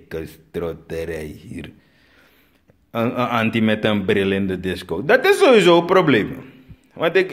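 A man from Suriname with a Surinamese Dutch accent, telling a comic story and acting out the dialogue, with sudden high bursts. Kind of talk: storytelling comedy.

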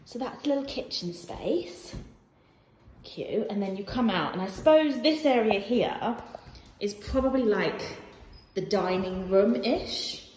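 Vlogger, woman, 30s: lively, animated delivery, playful tour-guide banter, phone audio bouncing off bare walls. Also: medium pitch, a little slow. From England. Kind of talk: casual house-tour vlog. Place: empty house with bare rooms and wood floors. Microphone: phone held at arm's length and on a tripod. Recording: echoey empty rooms, noticeable noise.

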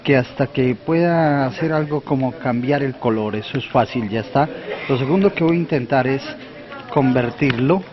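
Colombian man, magician, relaxed talk, muffled lo-fi sound, indoor room. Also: medium pitch, normal speed, a crowd in the background. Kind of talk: explaining a trick to camera. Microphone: handheld interview mic.

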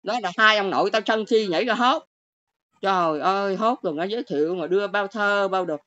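A woman's voice: medium pitch, a little fast, a bit bright, no echo. An older woman with a Southern Vietnamese accent, ranting and lecturing her viewers on a livestream in a scolding, exclamatory way. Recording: dull lo-fi stream audio.

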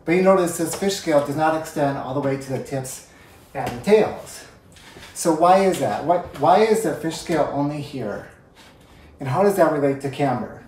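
A man's voice: fairly high pitch, darkish tone, far from the mic. A man in his thirties giving a home ski tutorial in a living room, explaining step by step as he handles the skis. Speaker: ski instructor. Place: living room by a brick fireplace. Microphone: far camera. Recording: roomy living room, voice from afar.

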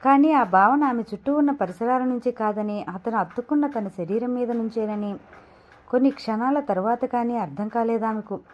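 A woman reads a serialized audio novel aloud in a steady, measured way. Her voice sits fairly high, and the recording has a dull, lo-fi sound. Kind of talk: scripted story narration.

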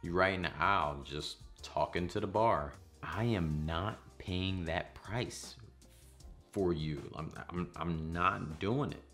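A man's voice: deep voice, takes it slowly, fairly bright tone, soft background music. A man in his thirties hosting a home cooking vlog, talking to camera in a kitchen with playful, jokey asides. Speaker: cooking channel host. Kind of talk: casual talk to camera, then voice-over.

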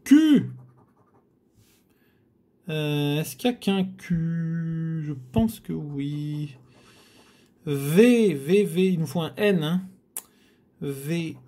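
A man's voice: fairly high pitch, extremely slow, long pauses, warm tone. A man hosting a scratch-card video, chatting casually to viewers as he scratches tickets and groaning at bad luck.

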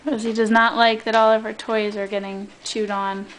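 A woman's voice: mid-range voice, little pitch movement, normal speed, a little hiss or hum, low-quality recording. A woman filming her dogs at home, cooing in baby talk and laughing often. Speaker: dog owner filming her pets. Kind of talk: casual home video chat. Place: home living room, indoors.

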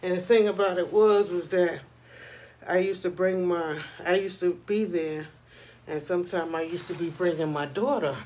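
Guy vlogging, kinda high voice, just talking casually about what he thinks, always checking you follow. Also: normal speed, a little mellow, slight background noise. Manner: conversational, frequently checking in with "you know what I'm saying". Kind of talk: casual opinion monologue.

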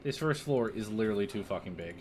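A man's voice: on the low side, animated, quick pace, a little mellow, slight background noise. A middle-aged man giving casual, sardonic, sweary gameplay commentary on a stream. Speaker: game streamer. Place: indoor streaming setup. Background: game music.

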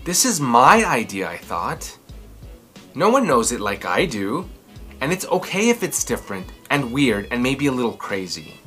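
A man in his thirties reads a story to children with lots of theatrical flair, his mid-range voice very animated, bright and forceful at a moderate pace. Faint music runs underneath as he hosts from a small furnished room in his home.

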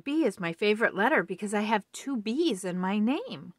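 A woman's voice: medium pitch, expressive, normal speed, no echo, studio quality, close to an everyday voice. A woman reading as a polite, eager giant bird boy. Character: huge gentle young male bird, polite and curious.

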